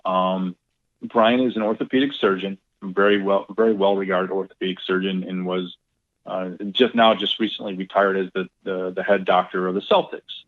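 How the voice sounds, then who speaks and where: A middle-aged man, a golf club owner, telling a lively casual story and acting out quoted dialogue, with some swearing. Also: low voice, moderate pace. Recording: tinny phone-like line.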